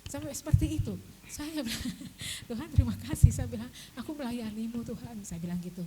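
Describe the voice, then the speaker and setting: A woman's voice: a little high, brisk, warm tone, slight background noise, low-quality recording. An older woman giving a testimony in church in a chatty, confiding way, often laughing and praying aloud. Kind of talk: testimony sermon.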